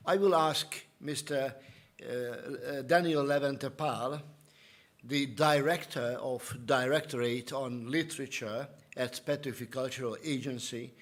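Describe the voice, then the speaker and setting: Slow-talking man hosting a ceremony. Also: mid-range voice, steady tone. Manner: introduces speakers with some hesitation. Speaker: host of the ceremony.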